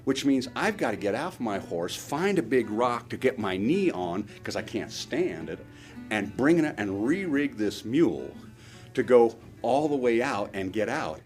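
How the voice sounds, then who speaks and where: A man's voice: medium pitch, big pitch swings, unhurried, a little mellow, faint music behind. A man telling a practised, humorous anecdote in a vivid, wry way, as a rancher storyteller. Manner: vivid, wry, acts out dialogue.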